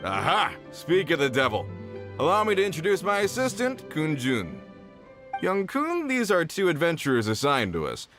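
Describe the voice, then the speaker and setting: A man's voice: a little high, huge pitch swings, moderate pace, fairly bright tone, faint music behind. A man playing a boastful, jovial uncle in a video game, with a folksy, bluff, exclamatory way of talking. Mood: impressed. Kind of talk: video game character acting.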